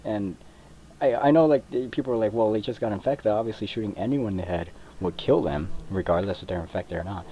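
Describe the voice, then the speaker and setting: A young man from Mexico rambles casually over his gameplay for a gaming video, hesitant and full of fillers. He uses a cheap computer microphone that cuts off the highs and adds a little hiss or hum; his voice is lowish and brisk, with controller clicks in the background.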